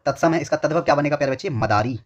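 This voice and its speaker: A man's voice: a little high, rapid-fire. Repetitive man drilling exam answers. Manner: drills by asking a question and answering it himself; repeats phrases several times. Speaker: Hindi exam tutor. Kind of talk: online exam-prep lesson. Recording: dull lo-fi recording.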